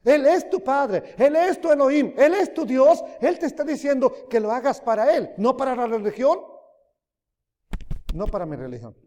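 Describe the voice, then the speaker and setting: A man preaching a sermon, emphatic, swinging between loud rises and quiet drops, often asking his listeners questions. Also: extremely high pitch, big pitch swings, moderate pace. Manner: emphatic, rising and dropping loudly, asks the audience questions. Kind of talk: sermon teaching. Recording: long hall reverb.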